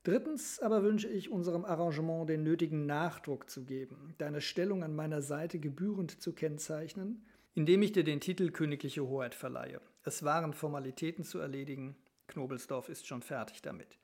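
A man voicing an ailing grand duke, the older brother, who speaks in a formal, tired and measured way in a novel reading. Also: on the high side, a little mellow, natural voice. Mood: weary formal.

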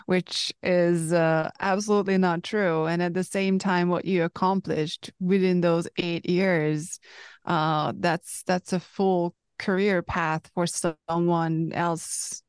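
Female podcast host, slightly low register, close dry recording, casual interviewing style. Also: steady tone, slow pace, clear, resonant tone, dry recording.

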